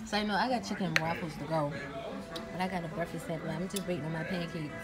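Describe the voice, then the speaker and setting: A woman's voice: on the low side, quick pace, over loud music. A young woman, chatting casually to camera for a vlog, laughing often and swearing freely. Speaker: vlogger. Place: restaurant, then car.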